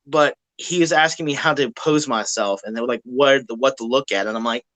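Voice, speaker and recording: A man on a live stream, blunt and quick to swear, with a bright, forceful voice. He talks in a casual, laughing way. The sound is dry and close. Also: medium pitch, no room sound, low-quality recording. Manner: profane, blunt, laughs often.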